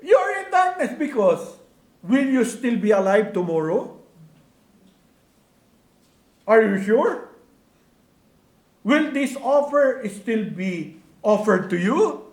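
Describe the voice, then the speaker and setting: Male pastor, Filipino accent, high voice, conversational sermon, rhetorical questions, roomy church echo. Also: sing-song, takes it slowly, long pauses. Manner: switches between Tagalog and English, conversational preaching with rhetorical questions.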